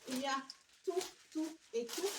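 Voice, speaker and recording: A woman, gushing excitedly through a casual home decor haul with many fillers. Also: sits high, takes it slowly, noisy background. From Canada. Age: 20s. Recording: echoey room, mic at a distance.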